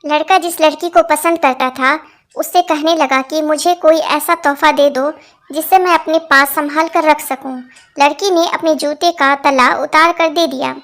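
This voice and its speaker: A woman reading a string of short jokes aloud as scripted narration, giving every part in one even voice. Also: high voice, normal speed.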